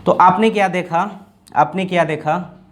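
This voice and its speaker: A male math teacher giving a board lesson, repeating each term slowly and checking in with his students. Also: high voice, steady tone. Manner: repeats terms slowly, checks in with "ठीक ना" and "दोस्तों".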